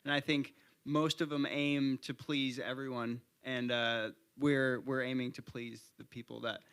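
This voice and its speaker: A man's voice: medium pitch, level tone, a little slow, fairly bright tone, clean tone. A male band member describing the tour earnestly, stumbling over repeated words. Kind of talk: casual interview chat.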